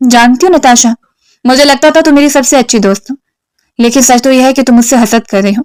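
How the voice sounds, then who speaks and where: A woman voicing a proud, stubborn young woman who answers with sharp, defiant retorts. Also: sits high, steady tone, no echo, natural voice. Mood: scornful.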